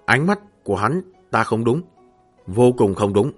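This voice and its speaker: A male narrator voicing a cowardly male demon spirit that lives in a scythe, in a low demonic voice, with faint music behind. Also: animated, unhurried. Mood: uneasy. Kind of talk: audiobook narration with voiced characters.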